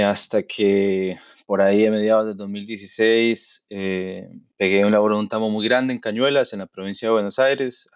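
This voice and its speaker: A man in his thirties from Costa Rica, a veterinarian guest, explaining his work in a relaxed, thoughtful, conversational way. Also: fairly low pitch, clean tone, no echo, highs cut off. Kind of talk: casual conversational interview.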